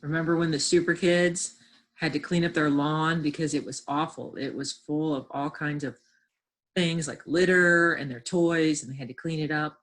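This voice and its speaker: A woman's voice: sits low, fairly even intonation, moderate pace. A woman teacher giving a lesson from home, patiently sounding out words and encouraging her class.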